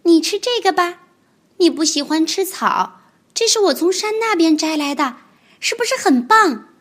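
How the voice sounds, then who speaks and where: Tiny baby dino, a lady puts on, squeaky and super eager, voice jumps way up high. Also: expressive, moderate pace, a bit bright. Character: sweet, trusting baby ankylosaur, small and cheerful.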